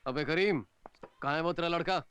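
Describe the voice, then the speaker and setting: An actor playing a rough gangster who makes blunt threats. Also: male voice, fairly high pitch, brisk, fairly bright tone, lightly acted. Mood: threatening.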